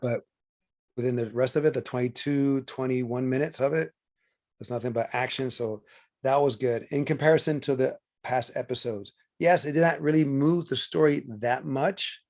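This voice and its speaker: A man co-hosting a relaxed watch-party stream. He rambles, restarts sentences and trips over names, filling gaps with "you know". His voice sits at an everyday middle pitch. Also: moderate pace. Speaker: co-host. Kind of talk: casual watch-party chat.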